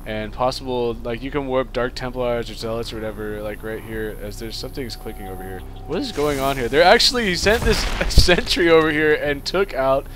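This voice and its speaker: A man's voice: mid-range voice, a little fast, hardly any pauses, background noise. A young man casually commenting play-by-play on a strategy game, rambling and saying "like" a lot. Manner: rambling, filler-heavy, says "like" a lot. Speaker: game caster.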